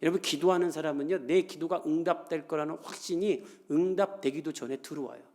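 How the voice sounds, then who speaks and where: A man's voice: on the high side, fairly quick, a little mellow. Korean male pastor preaching with animation. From South Korea. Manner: conversational preaching, acts out quoted voices, rises to emphatic peaks. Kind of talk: sermon.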